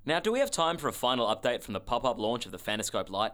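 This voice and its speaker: A man's voice: medium pitch, animated, quick pace, fairly bright tone, clean tone, close to an everyday voice. A man playing a smug, pompous doctor who co-hosts a parody radio variety show in a polished presenter manner. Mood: smug, upbeat.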